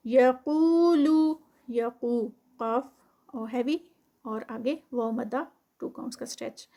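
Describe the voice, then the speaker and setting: A woman teaching tajweed, who slowly draws out the recited words and then explains each rule at a quicker pace. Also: on the high side, vocal fry, mellow. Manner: slow drawn-out recitation alternating with quick explanation.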